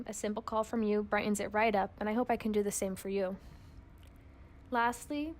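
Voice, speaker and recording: A young woman, a college student, reading a personal letter aloud in an earnest, tender, measured way. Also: on the high side.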